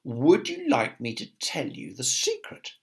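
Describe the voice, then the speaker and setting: A storyteller voicing a kindly male tramp in a children's storybook who speaks gently and soothingly. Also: medium pitch, huge pitch swings, unhurried. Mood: gentle.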